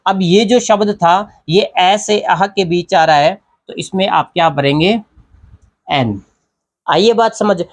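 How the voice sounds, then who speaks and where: A man's voice: high voice, slow pace. A man teaching an English grammar lesson. He explains step by step, repeats each point, and keeps checking in with the class. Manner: explains step by step, repeats key points, often asks "theek hai na".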